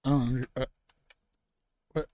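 A relaxed man talking his way through a game in a loose, rambling manner, thinking out loud as he goes. His voice sits at an ordinary middle pitch. The sound is close and dry, with no room around it. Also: normal speed, no room sound. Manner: easygoing, rambling, talks to himself about the game; mock-outraged scolding at game animals. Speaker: gaming channel host. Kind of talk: relaxed let's-play commentary.

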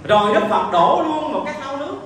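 A man's voice: extremely high pitch, animated, fast talker, a bit bright, slight background noise. A man with a Southern Vietnamese accent giving an emphatic sermon, telling a story and acting out its dialogue. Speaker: preacher. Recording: echoey hall, distant mic.

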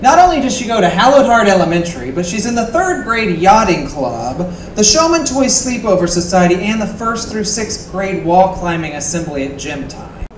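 A woman's voice: mid-range voice, sing-song, moderate pace, hardly any pauses, a little hiss or hum, close to an everyday voice. An actress on stage playing a gossipy young woman party worker. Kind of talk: stage musical acting. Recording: distant echoey stage.

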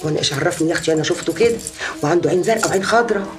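A woman's voice: on the low side, very fast, natural voice. An actress with an Egyptian accent playing a boastful, gossiping woman who has married many times. She tells her story in a chatty, exaggerating way. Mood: boasting. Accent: Egyptian Arabic.

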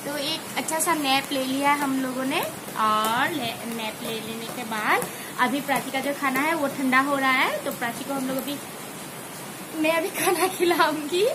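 High-voiced chatty woman vlogging at home. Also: moderate pace, background noise. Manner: chatty, laughs often, many fillers. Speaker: vlogger mother. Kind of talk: casual home vlog chat. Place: home indoors, rain outside.

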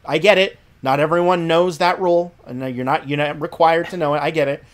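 A man's voice: fairly high pitch, steady tone, brisk. A young man in his twenties co-hosting a podcast in casual chat, easygoing and jokey, often chiming in with agreement. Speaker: podcast co-host.

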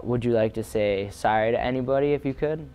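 A man's voice: medium pitch, fairly quick, background noise. A young man acting as a field reporter in a homemade comedy news spoof, asking questions with lots of hesitant fillers.

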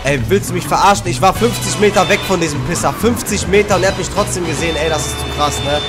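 A man's voice: high voice, fast talker. A man in his twenties giving exasperated, sweary gaming commentary full of street slang, close to the microphone in a room at home. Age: 20s. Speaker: let's play gamer. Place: small indoor room at home. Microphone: large microphone close to the mouth, headset. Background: game music and sound.

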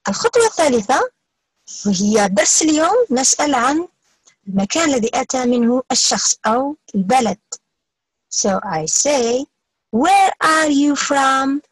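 A woman teaching an English lesson, saying each phrase slowly and clearly, repeating it, then giving the translation. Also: high-pitched, big pitch swings, dry recording, low-quality recording. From Algeria. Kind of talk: bilingual English lesson, slow model phrases.

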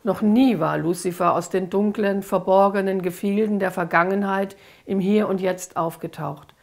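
A woman, an author, reading her own dark story aloud in a slow, dramatic storytelling manner. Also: medium pitch, steady tone, gravelly. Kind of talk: audiobook-style reading.

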